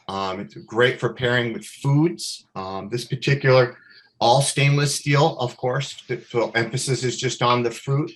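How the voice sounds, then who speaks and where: A man's voice: medium pitch, fairly bright tone. Fluent man describing wine, faint noise. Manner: fluent, descriptive, with frequent um and uh fillers. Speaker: wine representative. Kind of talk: product presentation.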